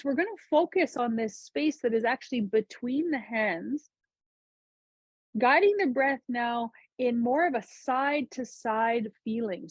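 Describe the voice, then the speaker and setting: A woman teaching a seated yoga class, giving calm, gentle cues to breathe and move. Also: fairly high pitch, husky, no room sound. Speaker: yoga instructor. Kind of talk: guided chair yoga instruction.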